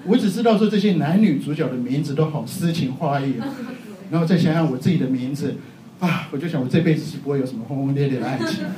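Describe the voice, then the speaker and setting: A man's voice: on the high side, fast talker, dark tone, recorded from a distance. Middle-aged man preaching in an echoey hall. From Taiwan. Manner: chatty, self-mocking, laughs often. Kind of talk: sermon. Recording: echoey hall, faint background noise.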